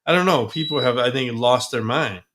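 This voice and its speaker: A man's voice: medium pitch, moderate pace, fairly bright tone. A man co-hosting a casual talk show, rambling and trailing off as he talks. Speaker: podcast co-host. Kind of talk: casual chat.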